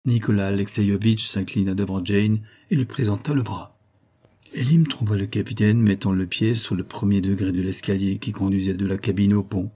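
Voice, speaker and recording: A man narrating a classic adventure novel as an audiobook, in an even storytelling manner. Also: fairly low pitch, moderate pace.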